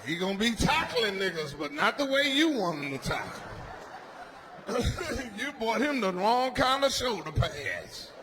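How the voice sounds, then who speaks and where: A man from Washington, D.C., doing a stand-up comedy set on a club stage, loud, dropping low and mumbling then shouting his punchlines. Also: very animated, measured pace. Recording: live club recording with ambient noise.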